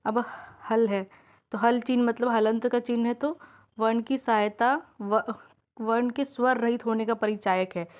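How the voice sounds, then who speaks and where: Higher-voiced woman teaching step by step. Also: steady tone, darkish tone. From India. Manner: explains step by step, often checks in with "ठीक है?"; drawn-out example sounds, each said slowly. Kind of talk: exam-prep grammar lesson.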